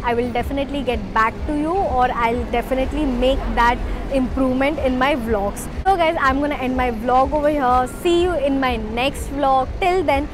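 A woman's voice: sits high, normal speed, hardly any pauses, noisy background. A young woman in her twenties with an Indian English accent, reviewing restaurant food in an enthusiastic vlog and mixing Hindi into her English, recorded on a lapel mic. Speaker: food vlogger. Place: restaurant indoors, then outdoor garden.

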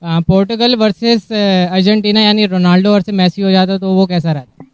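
A man's voice: sits high, steady tone, brisk, smooth, no room sound. A young man holding a handheld mic in an outdoor park, running a street interview and teasing people with mock-serious questions.

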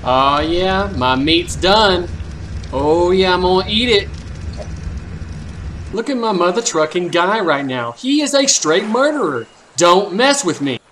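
A man's voice: sits high, lively intonation, slow, long pauses, fairly bright tone, slight background noise. A man hosting a comedic let's play, boasting and trash-talking the creatures he fights, with a profane, playful manner. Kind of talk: comedic gameplay commentary.

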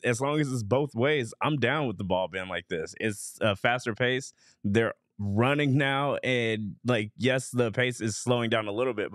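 A man's voice: medium pitch, fairly bright tone, dry recording, clean studio sound. A man guesting on a sports podcast, blunt and opinionated, laughing easily. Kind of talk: casual sports podcast chat.

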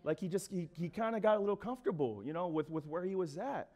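A man's voice: sits high, quick pace, darkish tone. A young man giving a sermon as a guest speaker in a church, talking casually with filler words and playful acted asides.

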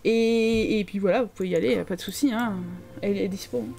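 A woman's voice: mid-range voice, fairly quick, vocal fry, mellow, soft background music. A young French woman commenting live on her game, chatting and joking with her viewers. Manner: chatty, joking, reads chat aloud. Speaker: streamer.

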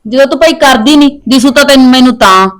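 Actress as a scolding mother-in-law, quick-talking, a touch high. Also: a bit bright, rough recording. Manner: scolding, nagging. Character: sharp-tongued middle-aged mother-in-law. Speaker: actor in a family skit. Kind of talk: scripted domestic skit acting.

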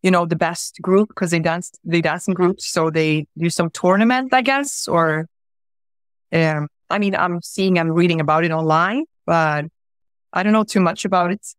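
A woman in her thirties from Croatia, raised in Sweden, answers interview questions easily, with plenty of fillers. Her voice is a little low. The sound is dry, taken over a video call. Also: normal speed, no room sound. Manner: friendly, easygoing, many fillers. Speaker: guest. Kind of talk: casual interview. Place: room at home, indoors.

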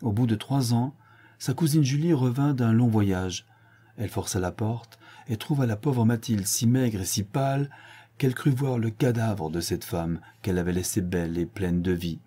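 A man reading a classic novel aloud as audiobook narration, measured and expressive. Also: on the low side, slightly rough. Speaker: audiobook reader. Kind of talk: scripted literary narration.

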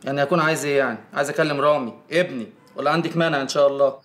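A man's voice: a little high, steady tone, rapid-fire, fairly bright tone, lightly acted. A man playing a sneering Egyptian ex-husband. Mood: mocking. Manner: mocking, sarcastic.

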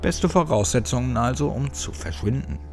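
A man's voice: medium pitch, expressive, moderate pace, darkish tone, soft background music, voice pushed up, close to an everyday voice. A man voicing a sarcastic middle-aged male police officer who talks in a dry, mocking way. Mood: sardonic. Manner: teasing, dry and sneering.

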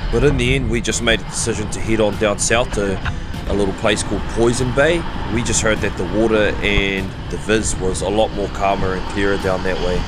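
A man in his thirties with a broad Kiwi accent and a slightly low voice. He chats like an outdoor vlogger, laid-back and full of slang. Music plays clearly behind him. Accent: broad New Zealand (Kiwi). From Bluff, southern New Zealand. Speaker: vlog host and diver. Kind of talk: casual adventure vlog, part to camera, part voice-over.

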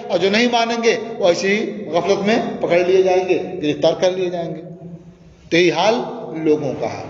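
A high-pitched man with an Indian Urdu accent teaches hadith and poses rhetorical questions to his class. His voice rings through a big echoey hall with long reverb. The recording sounds dull and lo-fi. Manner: explains with everyday examples and rhetorical questions, chants Arabic slowly. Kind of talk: classroom lecture explaining hadith.

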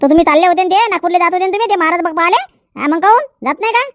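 A woman's voice: very high voice, rapid-fire, dry recording, clean studio sound. A woman playing a nagging, teasing village wife in a comedy skit.

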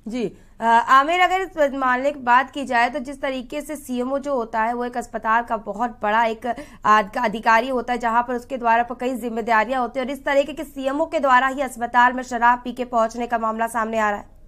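A woman's voice: on the high side, steady tone, brisk, a bit bright. A young woman anchoring breaking news in a television bulletin, repeating her phrases as she presents. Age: young adult. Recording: studio voice over news music.

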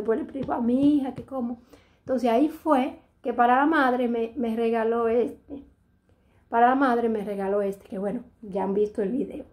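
This middle-aged vlogger, whose Dominican accent colors a warm, slightly high voice, chats loosely to the camera. She wanders from point to point and keeps restarting sentences.

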